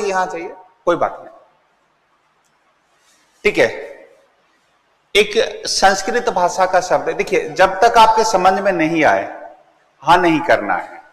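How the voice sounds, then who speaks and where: Male grammar teacher at the front of a classroom, a lively voice that rises and falls a lot, asking the class questions and answering them himself. Recorded in a roomy, reverberant room. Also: fairly high pitch. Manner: repeats key words slowly for emphasis. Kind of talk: classroom lecture. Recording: echoey classroom with long reverb.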